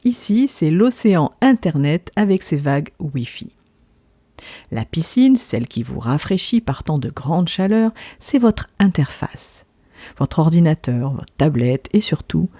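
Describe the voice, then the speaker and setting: Mellow-voiced woman hosting a podcast. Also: sits low, dry recording. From south of France. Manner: rhetorical questions, addresses listeners directly. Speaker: podcast host. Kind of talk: scripted podcast monologue, conversational asides.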